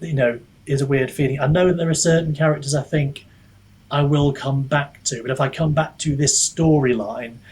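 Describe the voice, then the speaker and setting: On a casual, reflective podcast, an author being interviewed talks hesitantly and self-deprecatingly, often drifting mid-thought. His mid-range voice is darkish and slightly rough, and the audio quality is poor.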